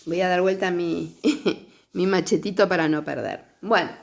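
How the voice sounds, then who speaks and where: A woman's voice: on the low side, a little slow, gravelly. A middle-aged woman teacher, lecturing patiently on early literacy and often checking in with her listeners.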